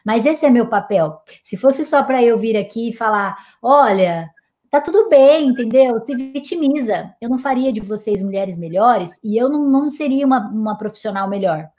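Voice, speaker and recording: A young woman hosts a motivational live stream with a fairly high, emphatic voice. She scolds her followers in a firm but affectionate way and keeps up the energy. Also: fairly quick, hardly any pauses, a little mellow. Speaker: weight-loss coach hosting a live stream.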